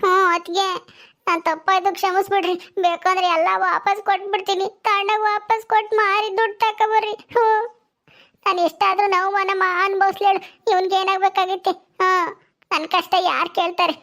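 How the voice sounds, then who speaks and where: Woman acting a young village wife, very high-pitched, tearful, pleading. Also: little pitch movement, a bit bright. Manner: tearful, pleading, with many drawn-out "hmm"s.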